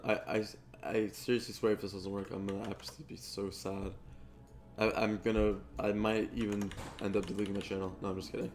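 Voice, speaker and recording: A man's voice: on the low side, slight background noise. Stammering young male game streamer. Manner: stammers and repeats words, talks to chat while playing. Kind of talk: casual live-stream chat.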